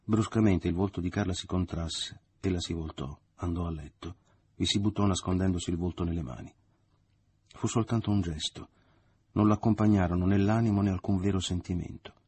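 A man narrating a literary novel in steady audiobook reading. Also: low voice, brisk, husky.

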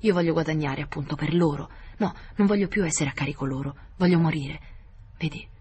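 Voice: mid-range voice, brisk, darkish tone, breathy edge. A reader voicing an anguished, impulsive young man who pleads and breaks into whispers, in an audiobook. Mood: pleading. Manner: emotional, pleading, sometimes whispered. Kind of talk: audiobook character voice.

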